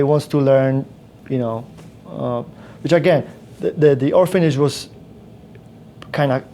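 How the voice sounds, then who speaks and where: A man tells his story in a loose, rambling way, circling back and restarting his sentences. His tone is mellow and dark. A faint hum of room ambience sits underneath. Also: on the high side. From Poland. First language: Polish. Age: 30s. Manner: rambling with frequent restarts and fillers. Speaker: podcast guest. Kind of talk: casual interview storytelling.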